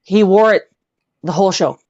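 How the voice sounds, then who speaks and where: A woman, a rock singer appearing as a guest, swaps casual anecdotes in an interview in a medium-pitched, slightly mellow voice at a moderate pace. Her telling is effusive and emphatic, with repeated phrases for stress. The sound is dull and lo-fi with a roomy echo.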